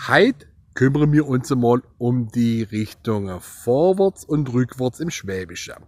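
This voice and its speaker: A man's voice: mid-range voice, lively intonation, measured pace, darkish tone, no room sound. Swabian accent guy doing a playful dialect lesson, voice swings up and down a lot, dry recording. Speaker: dialect teacher. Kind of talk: scripted language lesson to viewers.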